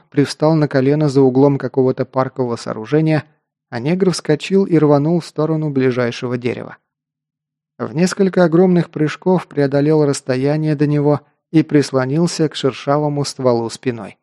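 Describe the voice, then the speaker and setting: Gravelly male audiobook narrator. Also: fairly high pitch, normal speed, warm tone, no room sound, studio quality. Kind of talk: first-person action narration.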